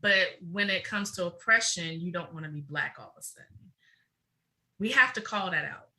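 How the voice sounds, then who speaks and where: A woman's voice: lowish voice, bright, forceful tone, low-quality recording. A middle-aged woman speaking passionately and emphatically as a guest in a podcast interview. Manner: passionate, emphatic, fast-flowing. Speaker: guest, researcher.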